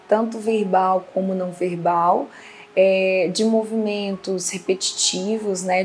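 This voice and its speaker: A woman's voice: mid-range voice, a little mellow. Woman specialist explaining in a didactic way. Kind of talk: explanatory interview.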